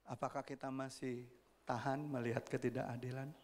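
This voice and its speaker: A man preaching a sermon as pastor, lively and often asking the congregation questions. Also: medium pitch, moderate pace. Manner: animated, asks the congregation questions, acts out quoted voices.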